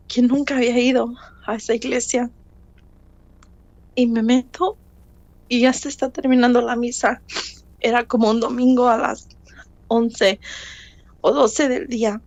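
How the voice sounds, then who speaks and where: A woman's voice: a little high, darkish tone, dry recording, highs cut off. A middle-aged woman giving a personal faith testimony, telling her story earnestly and repeating phrases for emphasis.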